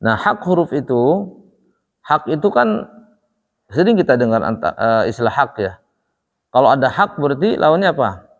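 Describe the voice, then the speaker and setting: A man's voice: mid-range voice, big pitch swings, moderate pace, long pauses, in a large hall. A man teaching a Quran recitation class, who asks his students questions and answers them himself. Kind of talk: classroom lesson with call-and-response questions.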